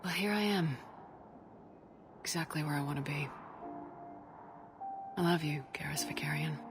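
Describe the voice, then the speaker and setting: An actress playing a military space commander in a video game, confident and direct, with a flirty, affectionate side. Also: female voice, low-pitched, normal speed, music in the background. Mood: tender.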